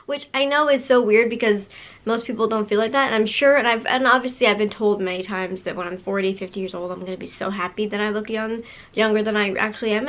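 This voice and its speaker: A woman's voice: medium pitch, a bit bright. A woman in her late twenties talking casually to her viewers in a bubbly, sassy way, full of fillers and restarts. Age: 20s. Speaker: vlogger. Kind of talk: casual talk to camera.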